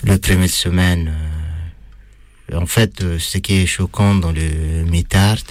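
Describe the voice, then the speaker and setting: A man with a non-native French accent tells his story in an interview, his voice sitting very low. He speaks slowly, pausing often and restarting his sentences. The recording is dry, with no room sound. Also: steady tone, dry recording. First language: not French. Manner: hesitant, many fillers and restarts. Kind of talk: halting personal account.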